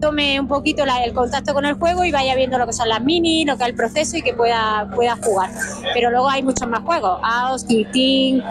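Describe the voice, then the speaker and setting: A woman from a game shop explaining her stand briskly and informatively at a convention. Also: high-pitched, music in the background. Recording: noisy background.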